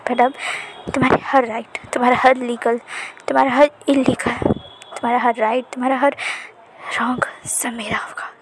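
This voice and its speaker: A woman voicing a protective, possessive young man who stammers and hushes softly. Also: a little high, flat delivery, normal speed, noisy background, lightly acted. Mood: soothing. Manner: stammering, hushing, soothing.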